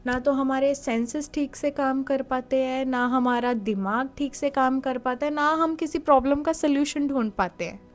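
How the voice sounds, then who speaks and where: High-voiced woman giving a motivational talk. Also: moderate pace, faint music behind. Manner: conversational, asks the listener rhetorical questions; gives calm step-by-step guidance. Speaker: motivational speaker.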